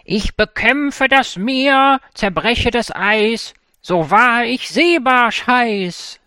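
A storyteller voicing a small, boastful sea bass who chants loud, drawn-out threats. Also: clear, resonant tone, no echo. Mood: menacing boast.

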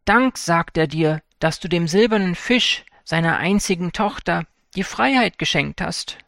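A man's voice: high-pitched, lively intonation, a little slow, gravelly, fairly bright tone, dry recording, studio quality, exaggerated voice. A man voicing a giant old female sea turtle, a kind nursemaid who speaks solemnly and reassuringly in a fairy-tale audiobook.

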